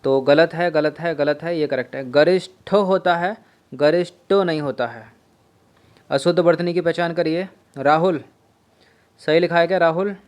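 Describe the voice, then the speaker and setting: A man's voice: fairly high pitch, normal speed. Man teaching spelling drills. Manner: drills words by repeating them, asks students questions. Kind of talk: exam-prep spelling lesson.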